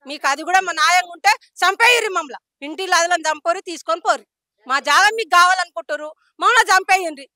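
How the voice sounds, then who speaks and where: A woman's voice: extremely high pitch, fast, sharp tone, dry recording. A woman, a resident pleading desperately and confronting a reporter. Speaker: local resident protesting.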